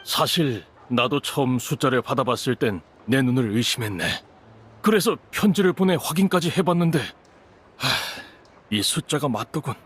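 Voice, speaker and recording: An actor playing a middle-aged male village official in a video game, measured, paternal and explanatory. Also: medium pitch, expressive, slightly rough. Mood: calming. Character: male village official handing out energy, patient and formal. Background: game music.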